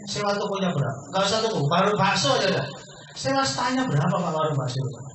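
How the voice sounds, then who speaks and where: A man with a high voice works the room in a sales seminar, calling everyone sir and firing quick questions at them. His voice bounces around a big, very echoey hall. He is picked up from far off, with a faint hum of ambience underneath. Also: lively intonation. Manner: persuasive, keeps addressing listeners as sir and quizzing them. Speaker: business opportunity presenter. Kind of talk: sales seminar pitch to an audience.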